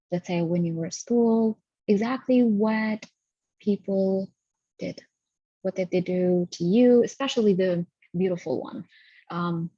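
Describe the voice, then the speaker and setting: A woman hosting a guided healing session over a video call, talking haltingly and stopping to gather her thoughts. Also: medium pitch, mellow, no room sound. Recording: dull lo-fi audio.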